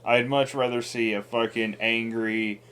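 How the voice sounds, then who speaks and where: A man's voice: mid-range voice, steady tone, unhurried, fairly bright tone, clean tone. A man co-hosting a casual podcast, giving blunt opinions full of swearing. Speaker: podcast co-host.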